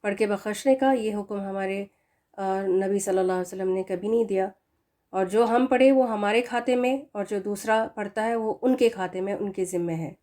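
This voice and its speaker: A woman teaching a recorded Quran recitation lesson who slows down to model correct and wrong pronunciations, with earnest, admonishing asides. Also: medium pitch, warm tone. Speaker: tajweed teacher.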